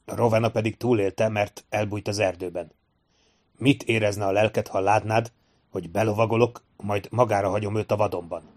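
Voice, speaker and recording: A seasoned manhunter with a fairly low voice, speaking gently and evenly with quiet, measured assurance, as a male reader puts him on. He sounds firm and unhurried, a storybook figure who never needs to raise his voice. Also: fairly even intonation, natural voice.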